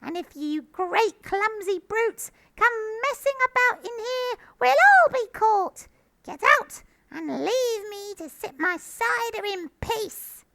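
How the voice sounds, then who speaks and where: A woman's voice: very high-pitched, animated, slow pace, bright, forceful tone, pitched above the performer's own voice, exaggerated voice. A woman voicing a bad-tempered, selfish rat in a storybook, shrieking and scolding. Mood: furious.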